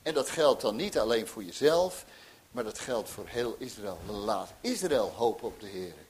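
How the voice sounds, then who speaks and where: A middle-aged man preaching with a husky, slightly breathy voice. His pitch swings widely as he climbs to emphatic peaks and drops back into quiet asides. He often restarts his sentences while he talks. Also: sing-song, moderate pace. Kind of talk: sermon.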